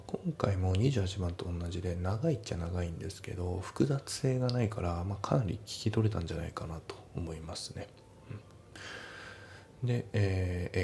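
Low gravelly guy going over english test answers, laid back, faint hiss behind. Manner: relaxed, talks through each answer step by step. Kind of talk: casual explanatory lesson.

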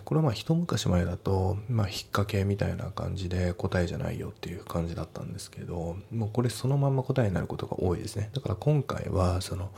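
A man teaching English in a relaxed, explanatory way, talking through a practice question with many fillers. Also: low-pitched, gravelly, slightly rough. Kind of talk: casual lesson walkthrough.

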